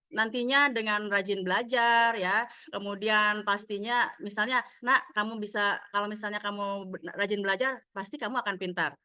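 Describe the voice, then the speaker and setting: A woman teacher walks her colleagues through a training module, speaking straight to them and slipping into the scolding voices of parents and children. Her voice is crisp and bright, and it sits a little high. The sound is close and dry, with no room around it. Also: no room sound. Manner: acts out quoted scolding lines from parents and children; explanatory, addresses listeners directly.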